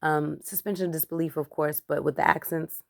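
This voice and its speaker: A woman giving a chatty, emphatic review of a movie in a casual vlog, growing animated as she rants. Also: sits low, fairly quick, gravelly. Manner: chatty, emphatic, gets animated when ranting. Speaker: film reviewer.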